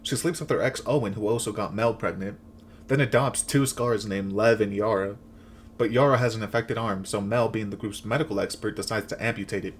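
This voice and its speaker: Fast-talking man on a sarcastic comedy rant. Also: lowish voice, steady tone, slight background noise. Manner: sarcastic, crude, slangy joking. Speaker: host. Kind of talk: comedic rant recap of a video game, scripted narration.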